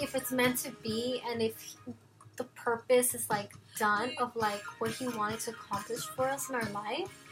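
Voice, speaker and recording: A woman's voice: a little high, rough recording. A young woman vlogger at home, telling a personal story in a casual, chatty way with lots of filler words. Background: background music.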